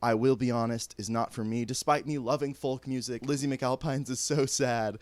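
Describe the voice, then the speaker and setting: Man in a casual review vlog, mid-pitched, close dry sound, jokey and frank. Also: fairly even intonation, moderate pace, no echo. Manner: candid and jokey, laughs mid-sentence, stumbles and restarts. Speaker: vlogger reviewing theater shows. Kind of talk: casual opinionated chat.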